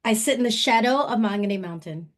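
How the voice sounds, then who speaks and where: A woman born in Malaysia presents a webinar over a video call, her voice sitting a little high. She talks in a relaxed, unhurried way with plenty of ums. It sounds like she is speaking from home. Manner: relaxed, many fillers, mixes in te reo Māori phrases. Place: home in Auckland.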